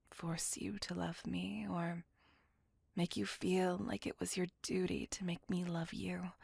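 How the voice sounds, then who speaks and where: In an intimate ASMR roleplay, a woman plays a courteous, melancholy vampire on a date, speaking softly and formally in a tender, wistful manner. Her full character voice is breathy, whispery and fairly low, captured at studio quality with no echo.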